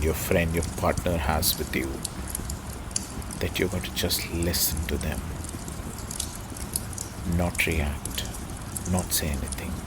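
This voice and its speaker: A man with a deep, gravelly voice muses reflectively in short, halting phrases, pausing often as he thinks. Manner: halting, pensive delivery in short broken phrases. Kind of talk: slow reflective spoken musing. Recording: clearly noisy ambient background.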